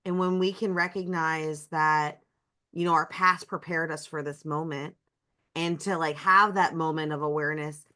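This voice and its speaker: A woman's voice: sits low, fairly even intonation, moderate pace, pushed and bright. A woman in a casual podcast conversation, telling a personal story in a chatty, emotional way and saying "like" constantly. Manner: chatty and emotional, heavy use of "like".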